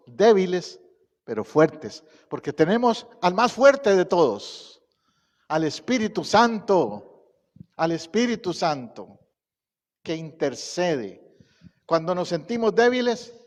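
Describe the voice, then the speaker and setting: Slow, emphatic preacher in a reverberant church. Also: male voice, fairly high pitch. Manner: preaching with rising emphatic recitations of scripture; slow, deliberate pacing with pauses. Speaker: pastor. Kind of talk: sermon. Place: church sanctuary.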